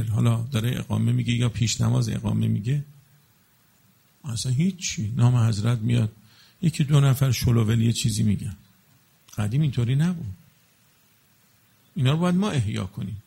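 A man preaching in a casual spoken style, explaining with everyday examples and checking in with listeners, slowing into chanted Arabic blessings. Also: mid-range voice, gravelly, warm tone, slightly rough. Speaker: religious preacher. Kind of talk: colloquial religious talk to an audience.

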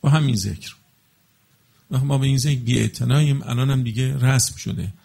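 Gravelly-voiced male preacher. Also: mid-range voice, mellow. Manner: explains with everyday examples and rhetorical checks on listeners; recites Arabic blessings in slow chant. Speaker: religious preacher. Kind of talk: colloquial religious talk to an audience.

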